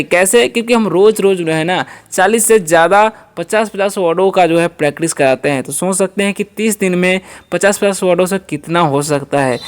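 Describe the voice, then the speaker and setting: A man's voice: high-pitched, clear, resonant tone. A man teaching a beginners' spoken English lesson, explaining word by word and asking and answering his own questions. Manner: often adds "ठीक है" checks.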